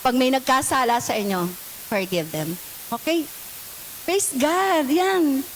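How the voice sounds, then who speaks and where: A woman's voice: high voice, animated, slow, slight background noise, rough recording. A woman pastor with a Filipino accent preaches a sermon in a church, switching between scripture read in English and Tagalog and asking the congregation questions.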